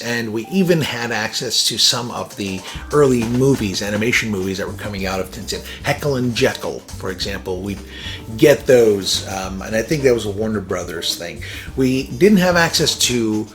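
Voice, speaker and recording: Rambling lower-voiced man from Iran. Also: animated, normal speed, a bit bright, faint music behind. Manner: rambling, filler-heavy, self-interrupting; chuckles between thoughts. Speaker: podcast host. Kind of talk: casual personal monologue.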